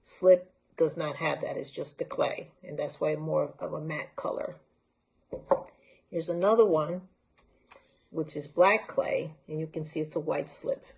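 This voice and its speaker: Low, gravelly woman. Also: a little slow, darkish tone. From Honduras. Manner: unscripted, holding up objects to the camera. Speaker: library art talk presenter. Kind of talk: casual show-and-tell talk.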